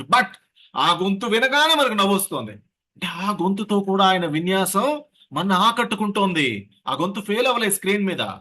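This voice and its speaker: A man teaching an online voice class, leading the group through breathing and syllable drills. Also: fairly high pitch. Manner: lively, leads breathing and sound drills. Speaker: voice coach. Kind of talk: online voice workshop lecture. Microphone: video call.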